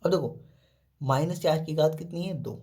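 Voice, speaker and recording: Man, math teacher, dark mellow voice, explains step by step, asks and answers his own questions. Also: on the high side, moderate pace. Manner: often says "ठीक है" and "देखो". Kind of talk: blackboard math lesson.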